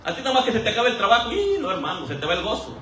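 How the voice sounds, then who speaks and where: A high-pitched man preaches with a bright, ringing tone. He fires rhetorical questions at the congregation and slips into mimicked voices. His voice comes from a distance and echoes around the church hall. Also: racing, a little hiss or hum. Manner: animated, rhetorical questions, acts out quoted voices for humor. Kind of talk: sermon. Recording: roomy echo, voice from a distance.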